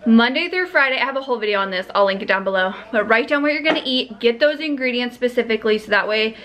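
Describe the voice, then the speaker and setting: A young adult woman vlogs casually to camera in a high, animated, fairly bright voice, talking fast, upbeat, and full of fillers. She films herself at arm's length on a handheld camera, both in her car and in her home kitchen.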